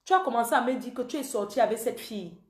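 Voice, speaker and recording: A woman's voice: fairly high pitch, fast, echoey room. A woman who calls herself the panther, angrily accusing a man she speaks to directly, in an emotional live-stream rant. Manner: accusatory, repetitive, addresses the absent man directly. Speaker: online commentator.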